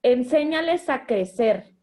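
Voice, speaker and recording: A woman's voice: sits high, lively intonation, slow pace, a little mellow. A woman, speaking as a mother in a conversation about raising children, earnest and explanatory, often restarting her sentences. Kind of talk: conversational parenting advice.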